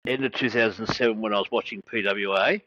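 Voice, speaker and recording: A man's voice: lowish voice, fast, fairly bright tone, no echo. Man, interview host, casual questions, dry close sound, a bit muffled and lo-fi. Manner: brief, chatty questions.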